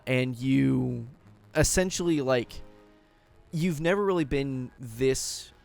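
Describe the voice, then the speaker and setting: A man's voice: medium pitch, creaky. A man narrating a tabletop game as game master, loose and full of fillers.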